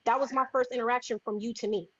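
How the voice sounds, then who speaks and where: A woman's voice: on the high side, fairly even intonation, fast talker, husky, lo-fi sound. A woman on a panel of an online group discussion, insistent about getting her turn to speak, her audio glitching and cutting out. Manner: insistent, keeps asking to speak. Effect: audio cutting out, glitchy connection. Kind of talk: heated live group chat.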